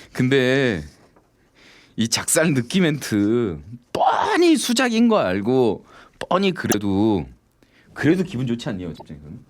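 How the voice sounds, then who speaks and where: A man's voice: mid-range voice, measured pace. A middle-aged man hosting a late-night radio show, telling stories with lots of laughter and swearing and acting out both sides of the conversations himself. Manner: lively storytelling, swearing and laughing at cheesy lines. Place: radio studio. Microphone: studio microphone.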